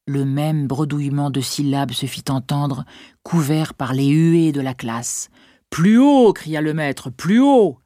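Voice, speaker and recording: Dry, measured audiobook narrator. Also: medium pitch, dry recording. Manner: measured, expressive literary reading. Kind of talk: audiobook narration of a classic novel.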